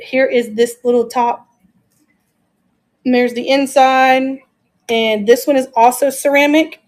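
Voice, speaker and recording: A woman's voice: fairly high pitch, a little mellow. A woman hosting a casual live-stream auction, chatting enthusiastically and thinking aloud as she shows each item.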